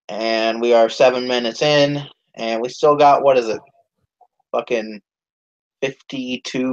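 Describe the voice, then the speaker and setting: A man chats on a live stream in a loose, rambling way, full of swearing and "uh"s. His voice sits at an ordinary middle pitch. The audio sounds dull and lo-fi. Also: smooth. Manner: rambling, heavy swearing, many fillers. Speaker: YouTube channel host. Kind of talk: casual live-stream chat.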